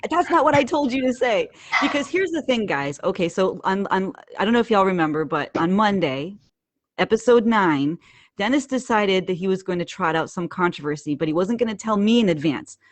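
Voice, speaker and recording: A woman co-hosting a live chat show, animated and teasing, cutting in often. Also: mid-range voice, brisk. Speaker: co-host.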